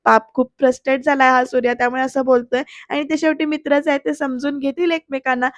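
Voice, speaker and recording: A woman's voice: high-pitched, flat delivery, quick pace, no echo. A woman narrating a voice-over review of a TV serial, retelling the scenes with quoted dialogue and speaking directly to her viewers.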